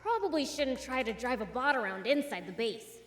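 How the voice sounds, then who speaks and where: A woman voicing a bold, sharp-tongued young heroine in a video game. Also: fairly high pitch, lively intonation, a little fast, crowd noise, close to an everyday voice. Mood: teasing. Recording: echoey hall, game music behind.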